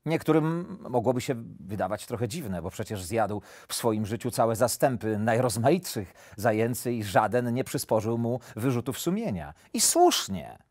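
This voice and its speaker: A man narrating a children's storybook expressively, playful, with dramatic drops to a hush. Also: medium pitch, sing-song, moderate pace, few pauses, dry recording, clean studio sound.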